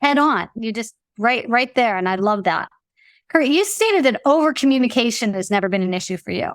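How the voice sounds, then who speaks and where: A woman host asks measured interview questions and backs up her guest with quick affirmations. Her voice is a little high. The recording is dry. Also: expressive, no echo. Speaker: podcast host.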